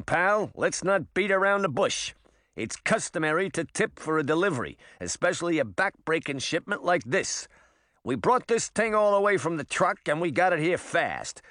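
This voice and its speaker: A man voicing a pushy, fast-talking male delivery rabbit in an audiobook who squeaks and wheedles for a tip. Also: fairly bright tone, dry recording, clean studio sound.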